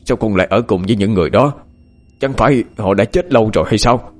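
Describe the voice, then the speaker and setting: Grieving older village father, low, choked and halting, as a narrator plays him. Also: natural voice. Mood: choked, urgent.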